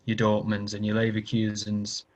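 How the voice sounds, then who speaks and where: A man's voice: on the low side, completely flat delivery, moderate pace, a little hiss or hum. A man from England co-hosting a football podcast, chatting in a laid-back way. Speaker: podcast co-host. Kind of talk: casual chat.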